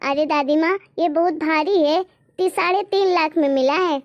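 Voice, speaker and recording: A woman's voice: extremely high pitch, moderate pace. A woman voicing a young daughter-in-law who chats proudly and boasts. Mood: boastful. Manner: chatty, boastful. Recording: dull lo-fi recording.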